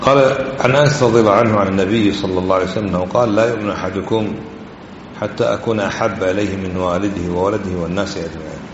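A man's voice: deep voice, fairly even intonation, racing. Man teaching in an echoey hall. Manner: quizzes listeners with repeated questions. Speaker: religious teacher. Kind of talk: classroom lesson on hadith and grammar. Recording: echoey hall, dull lo-fi, faint hiss.

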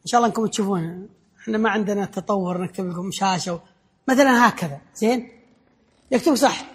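A man's voice: sits high, fast talker, husky. A man giving a classroom lecture, explaining step by step, repeating his points and often restarting words.

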